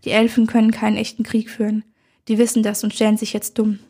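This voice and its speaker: A woman voicing a dim-witted, eager male troll warrior in a storybook reading, with a husky voice. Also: monotone, fast talker, mellow. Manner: booming, then sheepish.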